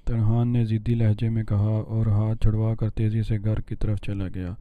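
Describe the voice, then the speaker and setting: A man reading a novel aloud as narration, in one steady voice. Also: lowish voice, no echo. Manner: reads all parts in one steady voice. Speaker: novel reader. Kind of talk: scripted narration. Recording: tinny phone-like sound.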